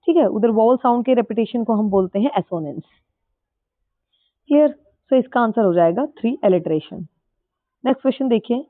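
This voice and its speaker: A woman teacher, explaining exam questions step by step, mixing Hindi with English and reading the English question text slowly. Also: mid-range voice, dry recording. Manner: explains step by step, repeats answers, checks with "ठीक है". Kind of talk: exam-prep lesson in Hindi mixed with English. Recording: dry, tinny phone-like sound.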